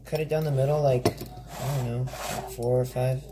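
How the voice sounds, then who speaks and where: A man's voice: mid-range voice, little pitch movement, moderate pace. A teenage boy joking his way through a cooking vlog in a home kitchen. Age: teens. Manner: joking, self-mocking. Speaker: home cook vlogger. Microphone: phone camera on counter. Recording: noisy kitchen with clatter.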